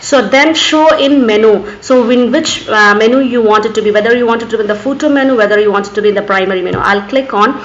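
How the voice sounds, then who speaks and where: In an echoey, slightly muffled recording with faint noise, a woman narrates a screen tutorial without a script, saying "actually" again and again as she explains each step. Her voice is on the high side and she talks fast, barely pausing, with an Indian accent and Urdu as her first language.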